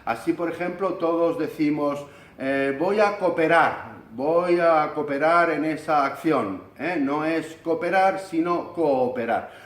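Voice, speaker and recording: A man from Spain with a Spanish accent, explaining English pronunciation slowly and demonstrating long vowels. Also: a little high. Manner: slow, deliberate, stretches vowels to demonstrate. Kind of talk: explanatory video lesson. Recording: echoey room.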